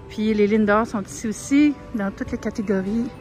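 A woman's voice: mid-range voice, unhurried, low-quality recording. Young Québécois woman, casual vlogger, chatty shop-with-me talk on a phone mic, faint store music. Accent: Québécois French. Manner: chatty, lots of fillers, soft asides. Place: large grocery store, indoors. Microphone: handheld phone camera.

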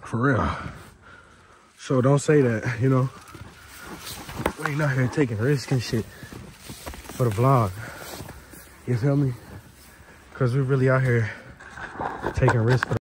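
A man's voice: mid-range voice, takes it slowly, pauses often. A young man filming himself on a snowy mountain climb, talking straight to his viewers in slangy, hyped casual speech. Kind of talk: casual vlog narration while climbing. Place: snowy rocky mountain trail outdoors. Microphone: handheld phone camera. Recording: outdoor wind and handling noise.

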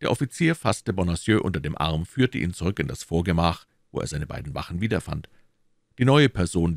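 A man reading a classic novel aloud as narrator, calm and low, voicing every character himself. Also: no echo, studio quality. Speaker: audiobook narrator.

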